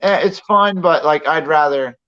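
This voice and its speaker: A man's voice: a little high, normal speed, bright, forceful tone, smooth, highs cut off. A man from New Jersey hosting a casual livestream, rambling and laid-back and swearing freely. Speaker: livestream host. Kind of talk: casual chat.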